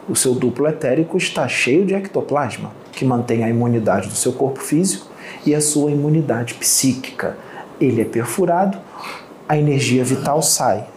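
A man giving a channeled spiritual teaching as a medium, piling up repeated phrases and rhetorical questions and clearing his throat often. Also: medium pitch. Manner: repetitive lists and rhetorical questions. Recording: roomy echo, faint background noise.

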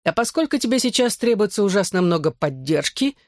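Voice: mid-range voice, sing-song, brisk, no room sound, clean studio sound, pitched above the performer's own voice, lightly acted. A narrator voicing a cheeky, meddling teenage boy in an audiobook, teasing and theatrical. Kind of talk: audiobook character voice.

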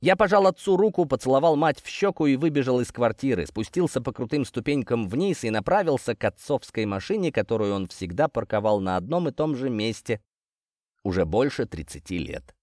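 A man narrating a first-person fantasy audiobook in an expressive storytelling manner. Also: medium pitch, fairly quick, no room sound, studio quality.

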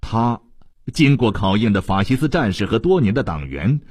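A man reading a literary novel aloud as an audiobook narrator, in a measured, expressive storytelling manner. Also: lowish voice, husky, no echo, studio quality.

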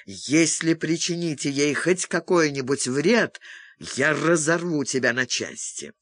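A man voicing an angry, determined man who threatens a captive with a revolver, speaking slowly and harshly. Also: fairly high pitch, fairly bright tone, dry recording. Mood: threatening.

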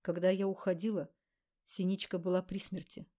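A woman reading an exhausted, hoarse young judge. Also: lowish voice, little pitch movement, moderate pace, dark tone, lightly acted. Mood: weary. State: weak, hoarse.

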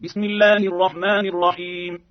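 Male reciter, high and level chant, steady measured delivery; dull old radio recording. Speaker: Quran reciter.

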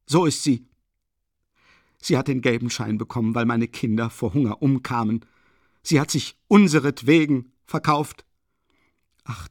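A man voicing a desperate, sick mother who sobs and screams hoarsely in an audiobook. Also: dry recording, studio quality. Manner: frantic pleading, high wailing cries. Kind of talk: audiobook character voice.

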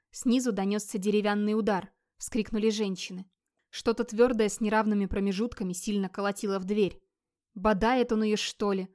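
A woman narrating a fantasy audiobook, steady and measured, building tension as she reads. Her voice sits at an ordinary middle pitch.

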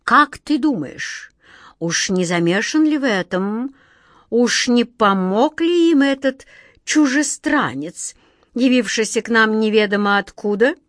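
A woman's voice: a little high, animated, a little slow, no room sound. Fretful storybook king, as a woman reader puts him on, whiny, bossy, raises his voice, dry recording. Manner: whiny, commanding, easily flustered. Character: petulant, fretful fairy-tale king, old man.

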